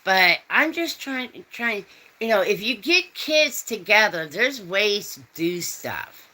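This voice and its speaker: A woman's voice: mid-range voice, big pitch swings, slow, pushed and bright, poor audio. A woman in her fifties hosting a rambling, folksy live chat and answering viewers' comments. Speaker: host. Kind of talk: casual chat.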